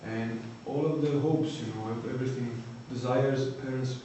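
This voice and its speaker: Man, Croatian accent, thirties, halting and searching for words, mellow dark voice, distant mic in a very echoey hall. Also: mid-range voice, fairly even intonation, slight background noise. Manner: halting, searching for words, frequent "you know". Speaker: recovering addict giving testimony. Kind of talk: personal testimony talk.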